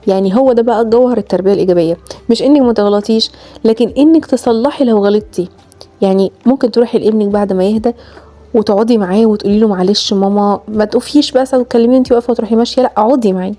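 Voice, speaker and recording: Egyptian woman, mother-to-mother advice vlogger, slightly high mellow voice, earnest. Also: racing. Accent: Egyptian Arabic. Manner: earnest, coaching the viewer in second person. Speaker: mother giving parenting advice. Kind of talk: direct-to-camera advice talk.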